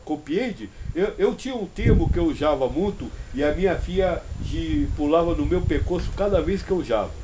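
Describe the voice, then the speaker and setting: Emphatic man, lively high voice. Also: normal speed, few pauses, noisy background. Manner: emphatic, uses rhetorical questions. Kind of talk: teaching in a group conversation.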